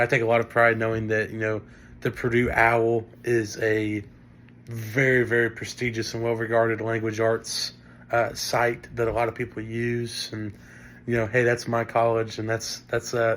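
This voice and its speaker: A young man from northern Indiana, speaking with a Great Lakes Midwestern accent, gives a casual class presentation packed with fillers and restarts. His mid-range voice is a little bright, and a faint hiss or hum runs under the recording.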